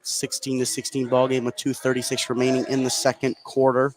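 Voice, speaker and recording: Here the play-by-play comes in a completely flat, mid-range voice at a fairly quick clip. He's broadcasting live on radio from courtside in an indoor high school gym, with loud gym ambience all around.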